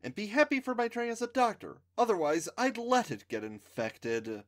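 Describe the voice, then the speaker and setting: A woman's voice: medium pitch, big pitch swings, normal speed, voice pushed up, natural voice. A man voicing a haughty young woman who trained as a doctor.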